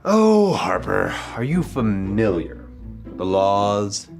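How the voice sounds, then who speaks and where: A man's voice: fairly low pitch, sing-song, slow, creaky, exaggerated voice. Goofy food-loving young man, hammy and swoopy, over light music. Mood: whiny comic. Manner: theatrical, swooping sighs and hams. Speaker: comic kids' show character. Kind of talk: scripted kids' comedy acting.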